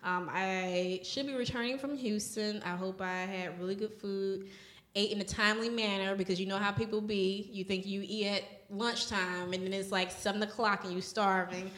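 A woman's voice: mid-range voice, fairly even intonation, normal speed, a bit bright, roomy sound. A woman hosting a podcast, chatting casually in a wry, joking way. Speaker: podcast host. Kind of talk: casual chat.

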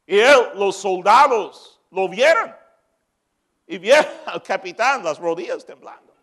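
Pastor guy with a high voice preaching, gets loud then jokes around. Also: animated, a little slow. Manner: preaching with shouted peaks and joking asides. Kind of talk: sermon.

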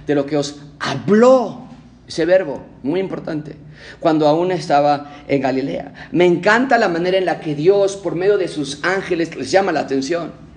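A man preaching a sermon with a fairly high voice. He stacks short, rhythmic phrases into rising declarations, then drops to a hushed, intimate low. He sounds like a pastor addressing his congregation. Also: moderate pace. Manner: emphatic preaching, swings between raised declarations and hushed low passages.

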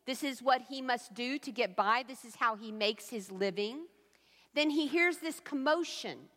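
A woman pastor preaching a sermon, telling a personal story in a slow, reflective way with soft emphatic pauses. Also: fairly high pitch, long reverb tail.

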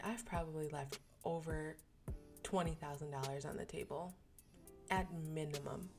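A woman hosting her own podcast, talking earnestly and casually with slang and frequent restarts. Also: lowish voice. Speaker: podcast host. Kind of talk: candid solo podcast talk.

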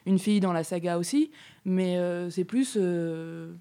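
A woman's voice: lowish voice, measured pace, warm tone, smooth. A woman in a casual discussion, talking hesitantly and searching for her words.

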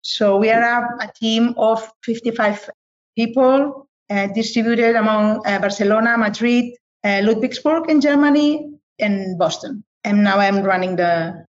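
A woman's voice: a little high, unhurried. A woman in her fifties from Spain, head of a family-owned company, speaking hesitantly with fillers on a panel. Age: 50s. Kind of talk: panel discussion. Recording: dull lo-fi sound.

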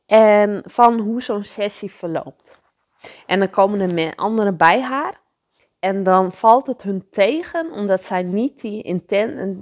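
A woman talks slowly and steadily through an unscripted solo podcast aimed at horse riders. She often hesitates, restarts and repeats herself between fillers. She turns to the listener with direct, reflective questions. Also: mid-range voice, darkish tone.

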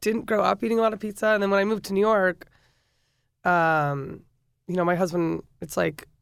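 Chatty woman chef, gravelly edge. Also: medium pitch, flat delivery, normal speed, no echo, studio quality. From Midwestern United States. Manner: chatty, frequent fillers and laughs. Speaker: chef and restaurant owner, guest. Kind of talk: casual interview conversation.

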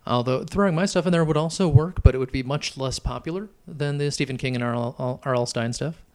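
Middle-aged male co-host, gravelly, rambling, filler-heavy casual chat. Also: mid-range voice, fairly quick. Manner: rambling, hesitant with many fillers. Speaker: podcast co-host. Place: Chicago.

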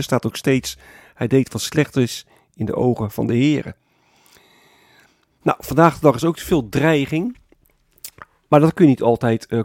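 A man preaching a sermon as pastor, explaining calmly and often adding a tag word to his points. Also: mid-range voice, no echo, clean studio sound. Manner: calm explanatory preaching with frequent "hè" tags.

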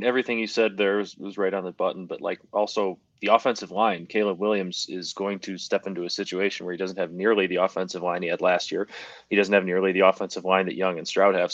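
Low-voiced, slightly breathless man. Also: no echo, dull audio. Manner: chatty, rambling, many fillers. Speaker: sports betting podcast co-host. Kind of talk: casual sports betting chat. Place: hotel at high altitude.

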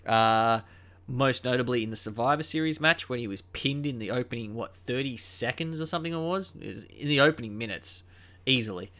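Smooth-voiced man rambling through a podcast. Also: mid-range voice, a little fast, bright, forceful tone. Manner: rambling, with many ums and uhs; unenthusiastic, dismissive. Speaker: podcast host. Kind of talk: casual solo wrestling podcast talk.

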